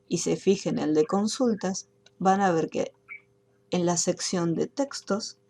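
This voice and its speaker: A woman teaching an online class, explaining software steps patiently one by one. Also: medium pitch. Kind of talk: screen-recorded software tutorial.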